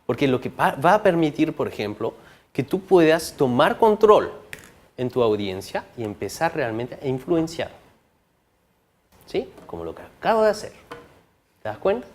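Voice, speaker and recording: A man giving a training talk on body language to an audience, lively, often checking in with listeners and playing with volume and speed for emphasis. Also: on the high side, moderate pace, long pauses.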